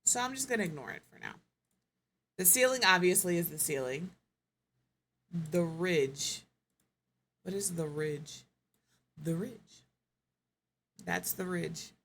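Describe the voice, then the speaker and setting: Lower-voiced woman thinking aloud while streaming. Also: expressive, takes it slowly, creaky, long pauses, fairly bright tone, a little hiss or hum. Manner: thinking aloud, musing and self-correcting. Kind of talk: live-streamed gameplay commentary.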